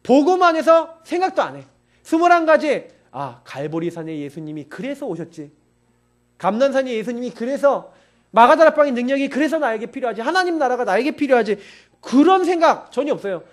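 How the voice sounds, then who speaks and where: A man preaching a sermon, pressing his points home with repeated, urgent appeals to his listeners. His voice sits high for a man and rises and falls in wide, lively swings. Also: a little fast. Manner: emphatic, insistent, urging listeners repeatedly. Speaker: pastor.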